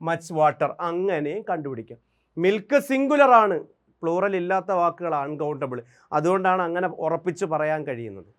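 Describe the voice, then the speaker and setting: High, clear-voiced Malayali teacher. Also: male voice, lively intonation. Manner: drills examples, asks quick questions to students. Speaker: English teacher. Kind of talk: exam-prep grammar lesson.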